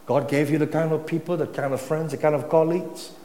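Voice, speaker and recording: A man preaching a sermon, emphatic, swinging between loud and soft phrases. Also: fairly high pitch, fairly even intonation, fast, a little hiss or hum. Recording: echoey hall, faint ambience.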